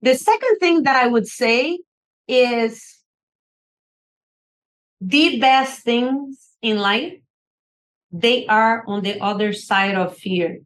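A woman's voice: on the high side, slow, pauses often. A middle-aged woman from Brazil with a Brazilian Portuguese accent, speaking earnestly as an author guest on a podcast interview.

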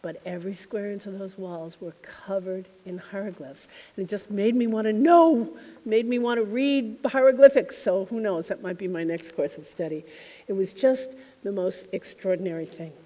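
A woman minister telling a congregation a heartfelt story in a reflective way, her phrases often trailing off softly. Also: mid-range voice, moderate pace, big-room sound. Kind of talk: spiritual talk to a congregation. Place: temple hall.

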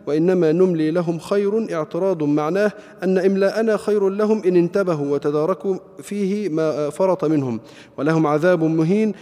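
A man, a student reading a classical commentary aloud in a rapid, even recitation. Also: on the high side. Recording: long reverb of a hall.

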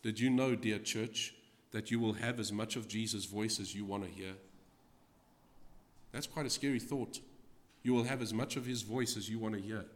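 A man's voice: on the low side, steady tone, normal speed, long pauses. Man, guest preacher, sermon, dramatic scripture readings, church with long echo. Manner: swings from hushed to loud, acting out scripture quotes. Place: church hall. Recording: reverberant hall.

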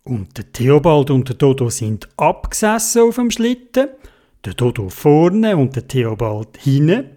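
A children's storyteller with a Swiss German accent narrates in an animated, sing-song manner. The delivery is slow and unhurried, with a lively, swinging pitch.

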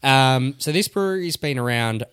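A man's voice: medium pitch, expressive, moderate pace, a bit bright, clean tone. A man co-hosting a casual podcast chat, chatty and full of facts and stories. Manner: chatty, offers facts and anecdotes. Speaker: podcast co-host.

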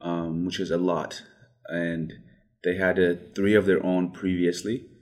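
A young man from Ethiopia, first language Amharic, with a very low, deep voice. He talks haltingly, with frequent restarts and fillers. It is a relaxed interview conversation. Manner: hesitant, many restarts and fillers. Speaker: guest.

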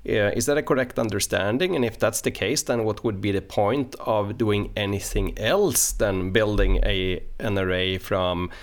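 A man hosting a technical podcast, putting long, careful questions in a halting way. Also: fairly low pitch. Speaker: podcast host.

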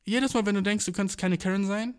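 Young man, casual storytime, digressive and slangy, slightly high voice. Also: steady tone, fast, smooth. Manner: slangy and digressive, peppered with swearing.

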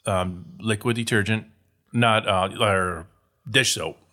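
A man's voice: lowish voice, steady tone, slow pace, pushed and bright. A man co-hosting a casual podcast chat, swearing freely and saying "dude" a lot, laughing often. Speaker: podcast co-host.

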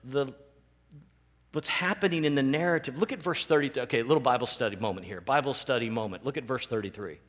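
A male pastor preaching a sermon, animated and rising to emphatic peaks. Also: medium pitch, quick pace. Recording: long reverb of a large hall.

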